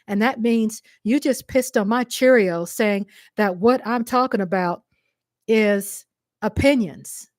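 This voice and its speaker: Taking her time, a medium-pitched Texan woman vlogs straight to her audience in answer to a commenter. She's emphatic and impassioned, leaning on repeated phrases, and the audio has no echo.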